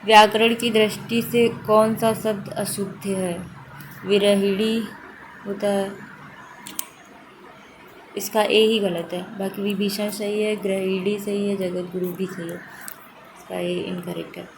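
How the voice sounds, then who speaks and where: A medium-pitched woman's voice takes things slowly and pauses often, with background noise audible. She's a teacher going through exam questions one at a time in a lesson. Her delivery is steady and explanatory, and she repeats each correct form to stress it.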